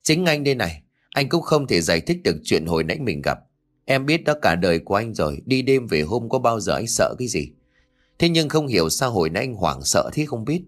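A shaken young farmer speaks in a troubled, halting way, as a man reading the story plays him. The voice is low with a lively, moving pitch. He belongs to a spoken ghost-story audiobook. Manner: troubled, hesitant. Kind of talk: audiobook character voice.

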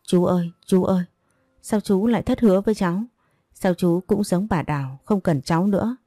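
A woman voicing a grieving seventeen-year-old who pleads and insists, in a low, dark voice. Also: moderate pace, dry recording, studio quality, lightly acted. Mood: heartbroken. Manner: pleading, insistent, breaking into denial.

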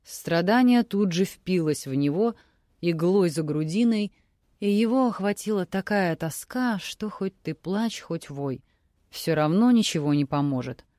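Woman reading an audiobook, lowish voice, dry close sound. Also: lively intonation, measured pace, mellow, no echo. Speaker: audiobook narrator. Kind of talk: scripted narration.

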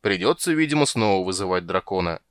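A man's voice: low-pitched, expressive, fast, clear, resonant tone, no echo, studio quality. A man voicing a grumpy, capricious male sea king who grumbles and blusters in a storybook reading. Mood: grumbling.

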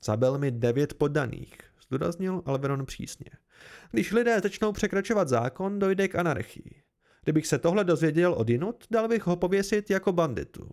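A stern, deliberate noble ruler, as a man reading an audiobook plays him speaks in a calm and measured way. The voice is gravelly and a bit high for a man.

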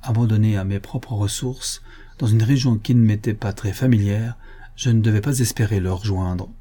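A man reading a novel aloud as a first-person audiobook narration, telling it in a steady, expressive way. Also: on the low side, moderate pace. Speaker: audiobook reader.

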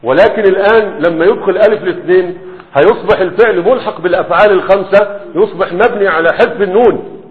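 A man's voice: high voice, fast. A man with an Egyptian accent teaching a grammar lesson, explaining step by step and often checking that students follow. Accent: Egyptian Arabic. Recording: tinny, echoey hall.

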